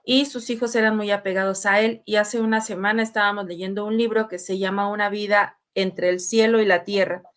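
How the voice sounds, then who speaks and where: A woman's voice: mid-range voice, fairly even intonation, a little fast, hardly any pauses, fairly bright tone. A woman hosting a conversational talk program, thoughtful and engaged, reading listener messages aloud. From Mexico. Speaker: talk show host.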